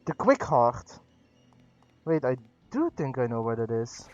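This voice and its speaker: A man's voice: mid-range voice, very animated, unhurried. A man hosting a casual game livestream, chatting informally and thinking aloud as he plays. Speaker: livestream host. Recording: dull lo-fi mic with music behind.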